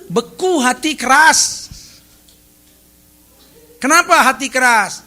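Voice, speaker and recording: A man preaching a sermon in an animated, humorous way, now and then acting out short quoted voices. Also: very high-pitched, slow pace. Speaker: Islamic preacher.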